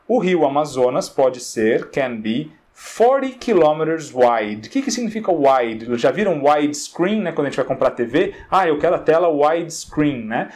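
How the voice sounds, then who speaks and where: A man teaching English, explaining slowly and often checking that his students follow along. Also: on the high side, darkish tone. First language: Portuguese. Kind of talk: classroom English lesson.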